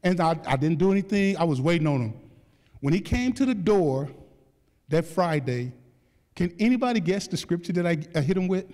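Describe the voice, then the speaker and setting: An older man speaks as a keynote speaker, his voice pitched high and swinging widely as he tells his story. He laughs often and jokes with the crowd, and a long reverb hangs on every word in the hall. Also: fairly quick. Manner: animated, laughing, joking with the audience.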